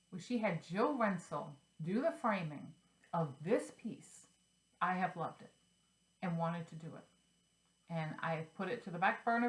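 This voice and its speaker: Middle-aged lady chatting about her stitching at home, rambly, mic a bit far off in an echoey room. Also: medium pitch. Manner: chatty, repeats herself, trails off. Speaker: cross-stitch vlogger. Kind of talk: casual show-and-tell chat. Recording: roomy sound from a distance.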